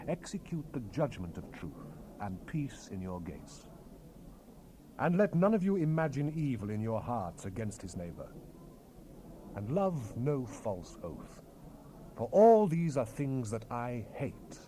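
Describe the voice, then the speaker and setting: In a theatrical, declamatory style, a man solemnly reads King James scripture as a dramatized narrator. His voice is fairly low and a little mellow, and the low-quality audio comes from a hissy 1970s cassette rip.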